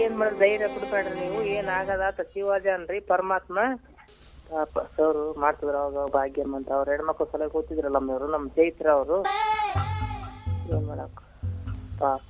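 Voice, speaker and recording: The target of a prank phone call, a Raichur woman with a North Karnataka Kannada accent, speaks in a steady, mid-range voice at a moderate pace. She sincerely comforts the caller, saying things more than once, over a muffled line with music.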